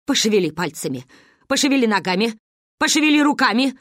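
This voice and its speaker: A woman's voice: fairly high pitch, big pitch swings, moderate pace, a bit bright, dry recording, studio quality. A woman voicing an anxious, commanding old grandmother who fusses and scolds in an audiobook story. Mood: fussing. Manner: scolding, fussing.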